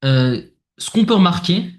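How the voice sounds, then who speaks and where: A man with a French accent walks through a math exercise in a casual, think-aloud way, full of small fillers. His voice sits a little high for a man. The sound is roomy and echoey. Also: expressive, a little slow, a little mellow. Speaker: math tutor. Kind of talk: worked exercise explanation. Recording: echoey room.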